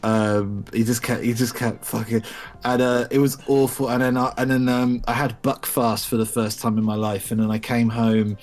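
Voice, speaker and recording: A man's voice: mid-range voice, fairly even intonation, moderate pace, faint music behind. A young man from the UK, a podcast co-host, telling rambling, profane anecdotes in casual chat, with many restarts.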